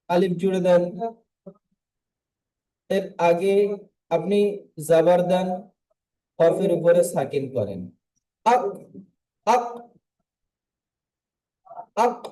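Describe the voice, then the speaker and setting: A man's voice: high-pitched, warm tone, low-quality recording. A man teaching a tajweed lesson online, patiently repeating letters and drilling the sounds again and again. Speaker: Quran recitation teacher.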